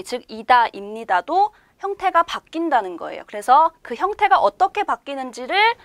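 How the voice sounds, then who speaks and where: A woman's voice: sits high, fairly bright tone, dry recording. A woman giving an online language lecture, patiently explaining step by step and asking her students many questions. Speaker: language teacher.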